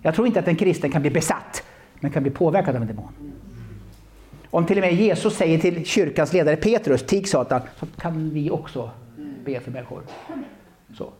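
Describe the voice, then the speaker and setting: Man, pastor, sermon, lively pitch, fairly high voice, frequent restarts. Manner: animated storytelling with many restarts.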